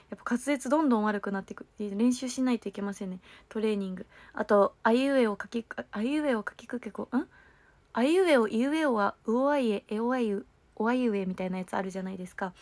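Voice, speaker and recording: A young woman who hosts livestreams and performs on stage rambles through a casual stream, thanking viewers. Her voice is on the high side with no echo, and her diction is slightly slurred.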